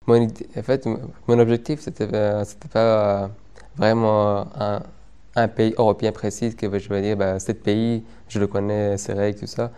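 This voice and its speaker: A man's voice: lowish voice, level tone, warm tone, clean tone. Stuttering young man. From Afghanistan. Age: young adult. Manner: stutters, many repeated words and pauses. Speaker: interviewee. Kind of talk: testimony interview.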